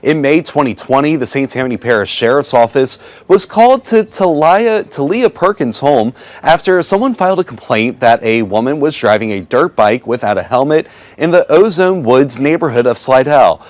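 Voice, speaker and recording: A man's voice: medium pitch, animated, moderate pace, hardly any pauses, no echo. An American man delivering a scripted television news report as a reporter.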